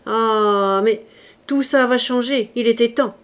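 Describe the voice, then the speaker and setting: A woman's voice: on the high side, expressive, normal speed. A woman reading an audiobook, voicing a harsh, contemptuous male police inspector who barks and scorns. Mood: scornful, shouting. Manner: barking, scornful, shouting.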